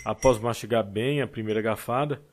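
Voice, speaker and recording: A man's voice: lowish voice, a little fast. Man narrating an audiobook with faint hiss. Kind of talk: scripted narration.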